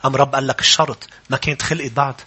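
Fast, bright-voiced Lebanese pastor preaching. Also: male voice, medium pitch, breathy edge. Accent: Lebanese Arabic. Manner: animated preaching, quoting scripture, asking the congregation questions; rises to loud urgent preaching. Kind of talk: sermon. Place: church before a congregation.

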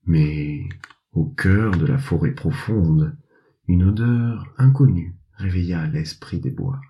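A man narrating a children's storybook in a measured, even way. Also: sits low, muffled recording.

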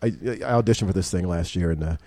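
A man from Detroit, a voice actor guest, chatting casually and breaking into laughs and quick character voices. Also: deep voice, no room sound. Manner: laughing, animated storyteller slipping into character voices. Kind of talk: casual chat.

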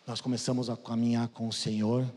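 A man giving an emotional testimony sermon to the congregation, swinging between loud and soft and often calling out to his brothers. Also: medium pitch, level tone, brisk, slight background noise. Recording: long hall reverb.

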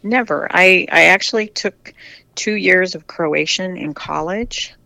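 Speaking a little slowly, a retired cyclist from the United States, now in their sixties, chats openly in a casual interview, restarting often and repeating words. The medium-pitched voice sounds gravelly, bright, and forceful, and there is no room sound.

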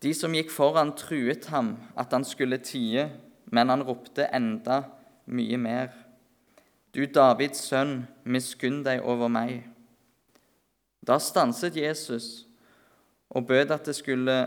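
A man preaching an earnest sermon at a church meeting, often slowing and softening his voice for emphasis. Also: mid-range voice, fairly even intonation.

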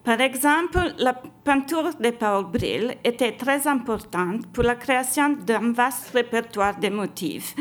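A woman, a French speaker, reading a scripted academic lecture as an exhibition curator, careful and stumbling a little over words. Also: a little high. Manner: foreign-accented, non-native French, careful reading with stumbles.

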